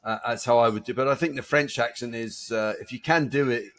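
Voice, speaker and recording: A man's voice: medium pitch, brisk, fairly bright tone. A man co-hosting a podcast in casual chat, rambling and self-mocking, with lots of restarts. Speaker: podcast co-host.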